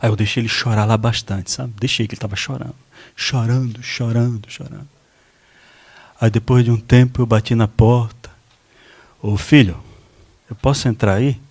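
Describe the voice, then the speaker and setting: A man's voice: medium pitch, flat delivery, normal speed, a little mellow, breathy edge. A Brazilian man preaching a storytelling sermon in church, chatting directly with the congregation. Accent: Brazilian Portuguese. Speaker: pastor.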